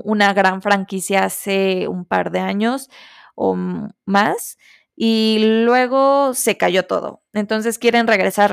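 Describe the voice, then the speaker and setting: A woman's voice: mid-range voice, creaky, clear, resonant tone, no echo, clean studio sound. A young woman hosting a casual solo sports podcast, giving her opinions while thinking aloud with lots of fillers and restarts.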